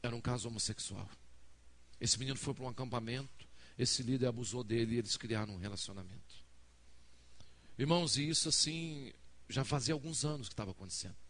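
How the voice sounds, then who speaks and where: Brazilian pastor man preaching, acts out all the dialogue, mid pitched voice. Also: brisk, fairly bright tone. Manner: dramatic storyteller acting out dialogue, addressing the congregation. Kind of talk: sermon storytelling. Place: church hall.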